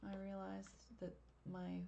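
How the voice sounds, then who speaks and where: A woman giving a live colored pencil drawing tutorial over a webcam, chatty and quick to laugh at herself. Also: mid-range voice, completely flat delivery, gravelly, dark tone, muffled recording, slight background noise. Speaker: art teacher.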